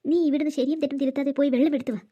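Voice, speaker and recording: A woman's voice: sits high, steady tone, racing, lo-fi sound, voice pushed down, close to an everyday voice. A woman voicing a scheming, harsh middle-aged mother in a cartoon, with a bossy, scolding manner. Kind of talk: cartoon voice acting.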